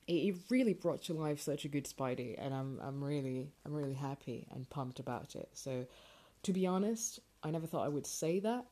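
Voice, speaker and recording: Low, mellow woman rambling in a garage. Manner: hesitant, rambling, informal. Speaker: podcast host. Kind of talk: casual solo podcast talk. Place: in a home garage, parking space indoors. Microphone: makeshift, not a proper microphone. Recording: amateur garage recording, makeshift mic.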